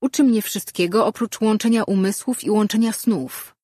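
A woman voicing an eager young boy apprentice, high and urgent. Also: moderate pace, darkish tone, dry recording, clean studio sound, close to an everyday voice. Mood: worried. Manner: urgent, pleading.

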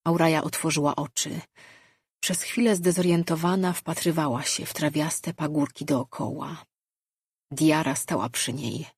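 A woman reading a fantasy audiobook as narrator, in steady, measured storytelling. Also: sits low, husky, dry recording, clean studio sound. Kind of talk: scripted narration.

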